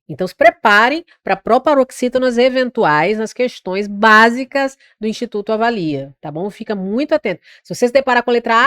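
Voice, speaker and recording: A woman with a Brazilian Portuguese accent giving an exam-prep grammar lesson. She corrects herself aloud and sounds out words slowly. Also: medium pitch, no room sound, studio quality. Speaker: teacher.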